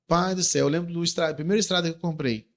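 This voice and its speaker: Fast-talking Brazilian man telling stories. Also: on the high side. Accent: Brazilian Portuguese. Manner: lively, earnest storyteller. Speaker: podcast guest, entrepreneur and rancher. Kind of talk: casual podcast chat.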